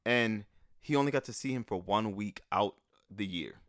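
A man co-hosting a casual chat, frank and animated as he tells stories. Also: fairly low pitch, normal speed, no room sound, studio quality.

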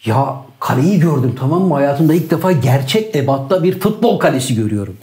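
An older man from Turkey chatting casually, telling animated, joking stories and acting out what people said. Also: a little high, a little fast. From Turkey, grew up in Bursa. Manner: animated joking storyteller, acts out quotes. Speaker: co-host. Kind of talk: casual chat. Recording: roomy echo.

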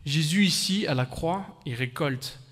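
A man delivers a sermon in short, earnest bursts, pausing between phrases. His voice sits a little high. A long hall reverb trails each phrase. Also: fairly bright tone. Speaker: preacher. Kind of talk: sermon with live interpretation.

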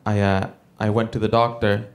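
A man from El Salvador doing a stand-up comedy set, with a halting delivery full of fillers and restarts. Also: on the low side, flat delivery, heavy background noise. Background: audience laughter.

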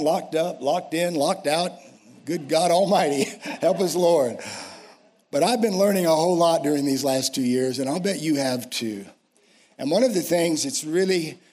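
Casting: American man, 60s, guest preacher, slightly high voice, emphatic delivery with repeated phrases. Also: a little mellow. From United States. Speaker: senior pastor, guest preacher. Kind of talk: sermon. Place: speaking to a church congregation.

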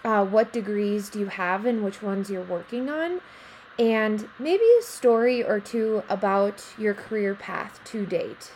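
A woman's voice: mid-range voice, measured pace, darkish tone, a little hiss or hum. A woman hosting a podcast interview, asking questions in a friendly, encouraging way. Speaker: podcast host.

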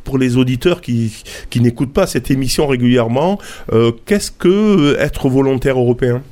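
A man's voice: medium pitch, expressive, moderate pace, mellow. A man hosting a radio interview, talking with many hesitations and restarts from a studio. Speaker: radio show host.

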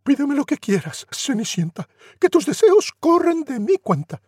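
A man's voice: very high-pitched, sing-song, normal speed, darkish tone, dry recording, clean studio sound, pitched above the performer's own voice. A man voicing a kindly older fairy godmother with a grand, generous manner. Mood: benevolent.

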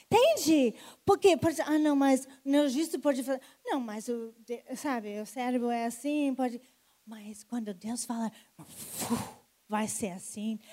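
A woman's voice: fairly high pitch, mellow. A woman preacher telling a healing testimony and calling people forward to pray. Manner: storytelling, calling people forward with rising energy. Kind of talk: sermon testimony and altar call.

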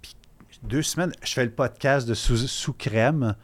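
A man's voice: medium pitch, a little slow. Quebec guy on a podcast, young, telling a wild story all worked up, swears a lot. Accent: Quebec French. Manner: animated storyteller, swears casually. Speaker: podcast guest. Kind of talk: casual chat, storytelling.

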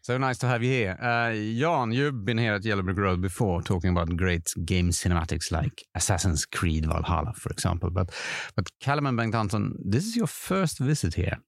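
A man hosts a conversational interview in a low, gravelly voice. He speaks as the questioner, and the recording is very dry. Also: animated, normal speed, hardly any pauses, no room sound. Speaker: interview host. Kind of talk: conversational hosting.

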